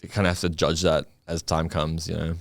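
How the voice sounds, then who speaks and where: A man's voice: rumbling low, level tone, fairly quick, vocal fry, no room sound, clean studio sound. An Australian man talking casually as a podcast guest, rambling with lots of fillers and restarts. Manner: rambling, many likes and restarts, swears. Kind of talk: casual chat.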